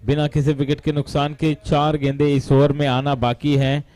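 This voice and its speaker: A man's voice: a little high, little pitch movement, normal speed, darkish tone, dry recording. A man with an Indian accent doing live cricket commentary, dramatic, with rhyming wordplay and some English mixed in for the scores.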